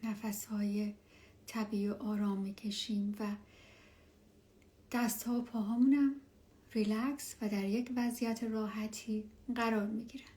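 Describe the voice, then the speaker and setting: A woman leading a guided relaxation meditation as an instructor, speaking softly and soothingly, often near a whisper, with unhurried pauses. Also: mid-range voice, fairly even intonation. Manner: unhurried, with long pauses between phrases.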